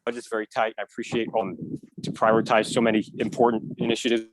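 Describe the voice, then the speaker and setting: A man calling in to give public comment, his call audio choppy with volume cutting in and out, speaking haltingly with many fillers. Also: lowish voice, flat delivery, dry recording, low-quality recording. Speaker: public commenter calling in to a city council meeting. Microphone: remote call-in line.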